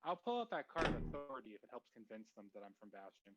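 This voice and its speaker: A man playing a tabletop game, speaking haltingly with many restarts. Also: medium pitch, very animated, vocal fry, a bit bright. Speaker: player. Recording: slightly dull lo-fi mic.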